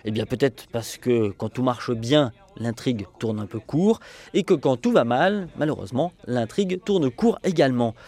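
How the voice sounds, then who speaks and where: A man's voice: mid-range voice, animated, moderate pace, a little mellow. A man giving scripted film-essay narration in a didactic, wryly humorous way.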